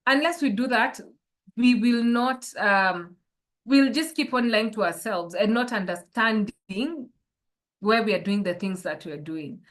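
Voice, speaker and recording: A woman's voice: fairly high pitch, expressive, unhurried. Woman coaching over a call. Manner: poses reflective questions to listeners. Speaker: life coach. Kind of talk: online workshop talk.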